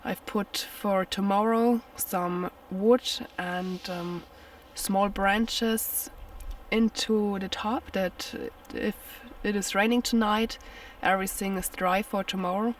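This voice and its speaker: A woman's voice: mid-range voice, fairly even intonation, slow pace, far from the mic, a little hiss or hum. A woman who is a non-native English speaker, talking casually and hesitantly to camera as a solo camper out in a forest storm at night. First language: not English. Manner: hesitant, simply worded explaining. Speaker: solo camping vlogger.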